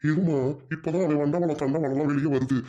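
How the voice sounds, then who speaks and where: A woman's voice: sits low, fairly even intonation, fast, mellow, highs cut off, lightly acted. A woman with a Tamil accent voicing a blunt, bossy elder village woman in a cartoon. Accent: Tamil, Trichy region. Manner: blunt, commanding.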